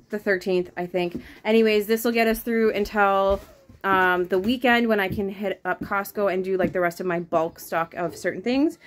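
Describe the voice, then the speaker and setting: A woman in her thirties from Canada, chatting casually through a home grocery haul video and rambling with lots of ums. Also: medium pitch. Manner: chatty, rambling with many ums, asides to kids. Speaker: vlogger. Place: home kitchen indoors. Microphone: phone camera held close.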